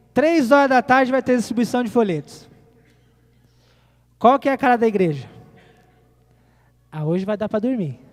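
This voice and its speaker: A man preaching a sermon, swinging between loud appeals and quiet moments and putting questions to the congregation. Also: very high voice. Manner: animated preaching, rising and falling, rhetorical questions to the congregation. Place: church hall. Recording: reverberant church hall.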